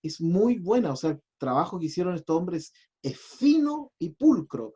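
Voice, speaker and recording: A man's voice: sits high, big pitch swings, normal speed, dark tone, breathy edge. A man, a pastor teaching a biblical Hebrew class in a patient, chatty, explanatory way. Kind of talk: online class lecture.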